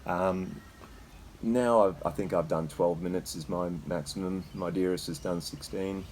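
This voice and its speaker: An Australian man talking casually and haltingly as host, with a slight cold shiver in his voice as he sits in icy water. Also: sits low, steady tone, darkish tone, a little hiss or hum. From Queensland, Australia. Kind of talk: casual unscripted talk. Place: sitting in a freezer full of icy water.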